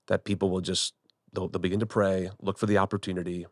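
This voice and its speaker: A man's voice: sits low, flat delivery, fast, dry recording, studio quality. A man in his forties, a pastor co-hosting a casual church podcast, talking conversationally and often repeating words as he thinks. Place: studio room with podcast team.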